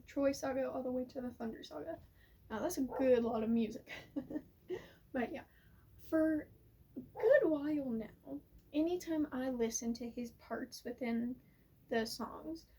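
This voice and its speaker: A young woman chatting casually, rambling with many fillers and restarts and acting out quotes in quick little voices. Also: high voice, mellow, breathy edge, distant mic, low-quality recording. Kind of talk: casual chat about a musical. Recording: voice set back from the mic.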